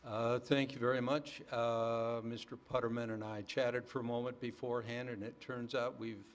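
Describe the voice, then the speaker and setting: Older-ish american guy presenting at a town meeting, average pitch, measured, stops and starts, friendly. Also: little pitch movement. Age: middle-aged or older. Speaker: corporate development manager, petitioner. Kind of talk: presentation to a public board.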